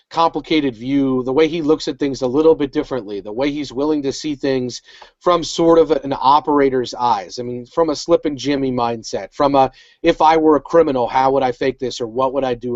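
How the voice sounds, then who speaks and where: A man's voice: mid-range voice, a little mellow, no echo. A man co-hosting a casual recap podcast, talking in a rambling, upbeat way full of restarts. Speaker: podcast co-host. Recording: dull, dry home recording.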